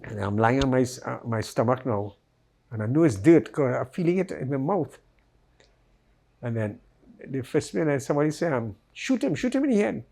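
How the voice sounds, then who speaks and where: Man, gravelly, dark and mellow, vivid storytelling, interview testimony. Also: medium pitch, normal speed. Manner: vivid storyteller, acts out the voices he quotes.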